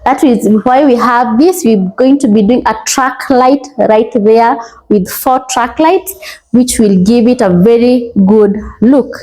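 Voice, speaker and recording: A woman's voice: fairly high pitch, measured pace, mellow, low-quality recording. A woman with a Kenyan accent gives an informal property walkthrough, approvingly showing off each feature as she presents. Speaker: house tour presenter. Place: indoors in an unfinished house.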